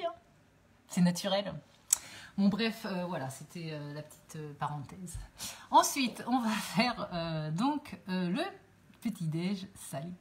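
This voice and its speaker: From her home kitchen, a woman hosts a casual live cooking stream, chatting with viewers through her phone and rambling with plenty of fillers. Her voice is fairly low-pitched.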